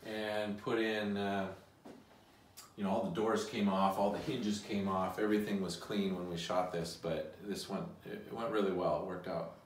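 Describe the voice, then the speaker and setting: A middle-aged man giving a casual guided tour of a museum's restored rooms, often pausing with fillers as he walks and explains. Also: sits low, level tone, far from the mic, slight background noise. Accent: Pacific Northwest American. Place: large empty house museum rooms with bare walls, indoors. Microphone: handheld phone camera following him, often several steps away. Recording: roomy echo, speaker off mic.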